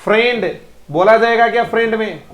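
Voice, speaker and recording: High-voiced male teacher drilling English words. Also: moderate pace, fairly bright tone, reverberant. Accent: Indian Hindi. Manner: drills words aloud, repeats examples, praises students by name. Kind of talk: live online phonetics class.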